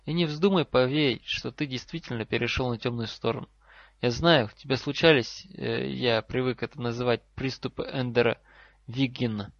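Мужчина читает за встревоженного отца-профессора, говорит взвешенно и наставительно; запись сухая, немного глуховатая. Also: male voice, mid-range voice, dry recording, lightly acted. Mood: firm. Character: worried professor father, earnest and firm. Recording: slightly dull lo-fi recording.

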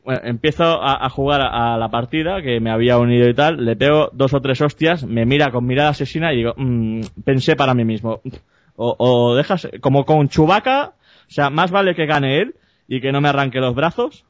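Un hombre con acento de España que cuenta una anécdota en tono de charla informal, divagando, corrigiéndose a sí mismo y soltando tacos. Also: male voice, mid-range voice, a little fast, no room sound. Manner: rambling, self-correcting, jokey and crude. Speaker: podcast host telling an anecdote. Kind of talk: casual storytelling chat. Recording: dull, dry lo-fi podcast audio.

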